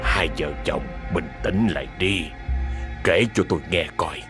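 A man voicing a calm, grave old village shaman who speaks slowly and low. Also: over music.

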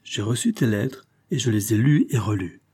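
A man's voice: on the low side, lively intonation, normal speed, dark tone, husky. A man reading aloud and voicing a provocative, mocking young male swindler in a storybook. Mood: taunting. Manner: provocative, taunting, cool.

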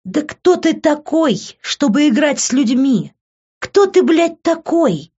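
A woman reading an audiobook, voicing a furious young woman who shouts, curses and mocks. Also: high voice, lively intonation, slow pace, pitched above the performer's own voice. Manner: shouting, cursing, scornful. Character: furious young woman, sharp-tongued, betrayed. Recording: dull lo-fi recording.

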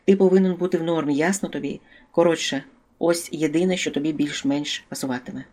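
A curt, irritable male crook who scolds his partner in short, clipped lines, voiced by an audiobook reader. He talks quickly and sharply. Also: mid-range voice, a little mellow, natural voice. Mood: annoyed. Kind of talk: audiobook character voice.

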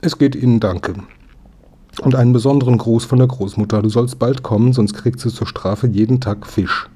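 A man's voice: mid-range voice, fairly even intonation, moderate pace, dark tone, breathy edge, close to an everyday voice. Man putting on a cheeky little girl, chatty, chirpy, slightly raised voice.

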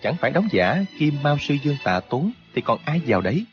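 A man narrating a martial arts novel for an audiobook, in an expressive, steady storytelling manner. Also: on the high side, a little fast, highs cut off, faint music behind.

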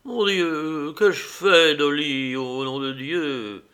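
A man reading a classic novel aloud, voicing a remorseful husband who pleads slowly, near tears. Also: on the high side, lively intonation, creaky, fairly bright tone, pitched above the performer's own voice, full character voice. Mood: pleading. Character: remorseful, tearful unfaithful husband.

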